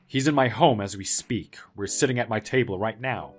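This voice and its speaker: An actor playing a polite, helpful young office worker with quiet backbone, speaking in an earnest, measured way in a dramatized story. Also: male voice, fairly low pitch, slightly rough, faint music behind. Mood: calm, smug.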